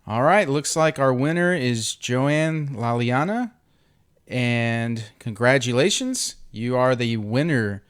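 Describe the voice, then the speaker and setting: A man with a clean, smooth voice at a middling pitch makes an informal giveaway announcement as an online group host. His delivery is unscripted and halting, like casual talk to members. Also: expressive.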